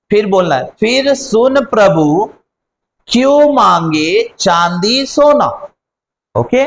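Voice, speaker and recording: A man's voice: high voice, slight background noise, rough recording. A man teaching a chemistry lesson online, repeating key words and quizzing his pupils as he goes.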